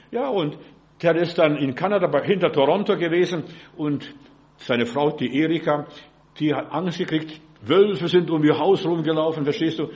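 A man with a somewhat high voice preaching a sermon. He talks straight to his listeners in an informal way, peppering his talk with "ja" and asking "verstehst du?" again and again. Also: darkish tone.

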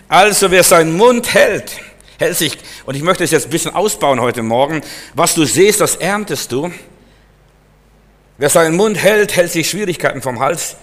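Man, preacher, sermon, emphatic, repetitive, loud-soft swings, slightly high voice, long hall reverb.

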